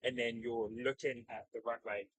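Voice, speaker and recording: A man's voice: medium pitch, little pitch movement, moderate pace, a bit bright, breathy edge, no echo, poor audio. A man with a broad New Zealand accent chatting casually as a livestream host, upbeat, matey and enthusiastic. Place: outdoors beside an airport.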